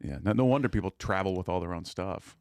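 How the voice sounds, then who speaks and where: A man with a fairly low voice in relaxed podcast chat, recounting a story with wry exasperation. The recording is dry and close-miked. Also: fast, dry recording. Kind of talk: casual chat.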